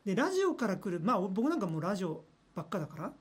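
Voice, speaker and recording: A man's voice: high voice, big pitch swings, racing, slightly rough. A man working as a radio personality, chatting casually and animatedly in a studio, often laughing and imitating voices.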